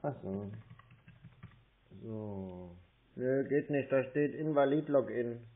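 Slow and mid-range in pitch, this man's voice comes through a tinny, band-limited phone call. Pretending to be a customer to string along a scammer, he chats in a plain, slightly hesitant, colloquial way.

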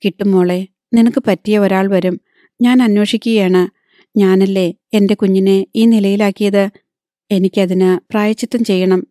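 A woman voicing a proud, hot-tempered aging wealthy father in an audiobook, commanding yet soft with his daughter. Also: high voice, fairly even intonation, moderate pace, dry recording, studio quality, natural voice. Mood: weary, tender.

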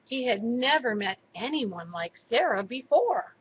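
A woman reading a children's storybook aloud in a slow, expressive way. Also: on the high side, lo-fi sound, slight background noise. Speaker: storybook reader. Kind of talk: read-aloud narration.

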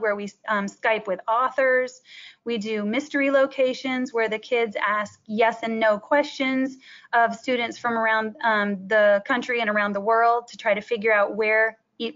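A woman's voice: fairly high pitch, a bit bright. A middle-aged woman presenting a school webinar on her teaching programs, talking earnestly with frequent ums as she goes through slides. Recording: muffled lo-fi webinar audio.

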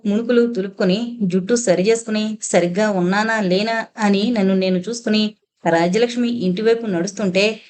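An audiobook narrator with a mid-range voice reads a first-person novel aloud. Her delivery is steady and storytelling in style, and she lifts her voice for the quoted lines.

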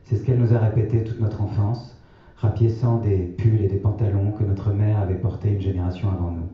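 Low-voiced man reading aloud in an echoey room. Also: flat delivery, brisk. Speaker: author reading his own novel. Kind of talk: literary reading. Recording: echoey, distant, slightly dull.

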